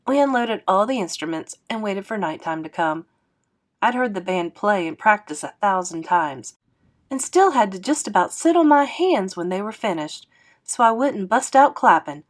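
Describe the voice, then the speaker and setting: A teacher reads a children's novel aloud, narrating expressively. Her voice is medium-pitched and she speaks at a normal speed.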